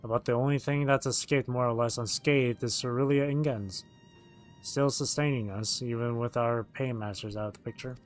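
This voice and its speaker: A man with a mid-pitched voice reads video game dialogue aloud on a stream, acting out the lines as he goes. Music plays softly behind him. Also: steady tone, moderate pace. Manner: acts out the written dialogue as they read.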